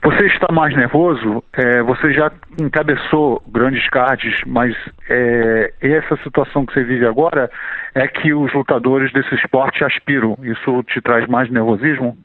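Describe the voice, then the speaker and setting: Male interpreter for a press call, mid-pitched, dry sound, phone-grade audio. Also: steady tone, normal speed, no echo. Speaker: interpreter between Portuguese and English. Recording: phone-like conference call line.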